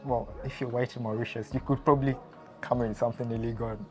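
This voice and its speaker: Fast-talking young man. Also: medium pitch, steady tone, soft background music. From Uganda. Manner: frank, opinionated. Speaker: interviewee. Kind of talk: casual personal testimony.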